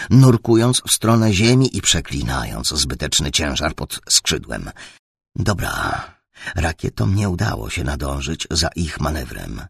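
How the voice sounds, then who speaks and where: A man's voice: deep voice, creaky, husky, no echo, clean studio sound. A man narrating a war novel as an audiobook with dramatic, tense storytelling.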